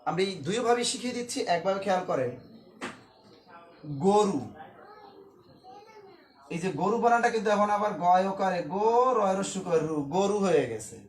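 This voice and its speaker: Man teaching a class, high voice, roomy echo, faint background noise, asks and answers his own questions. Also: normal speed, long pauses. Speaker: Bengali language teacher. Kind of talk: classroom lecture.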